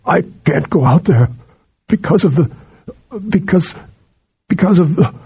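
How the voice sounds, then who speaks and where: A male narrator doing a burly dock worker, husky and hesitant, talking in slow, broken phrases. The voice is dark and low, rough at the edges. The storybook recording sounds dull and muffled. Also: expressive, no room sound, heavily acted. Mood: fearful. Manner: slow, hesitant, halting speech. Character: troubled middle-aged male dock worker.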